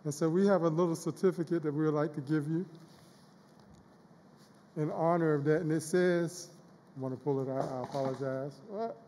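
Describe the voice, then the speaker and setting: A woman presents a certificate onstage, speaking warmly and off the cuff. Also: low-pitched, fairly even intonation, moderate pace, pauses often, big-room sound, a little hiss or hum. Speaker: event presenter giving an award. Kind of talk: award presentation.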